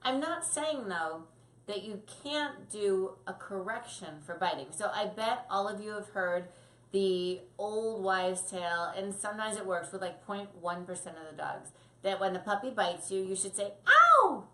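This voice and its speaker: A woman dog trainer giving casual tips to camera, lively and acting out quick voices for the puppy and the owner. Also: mid-range voice, echoey room.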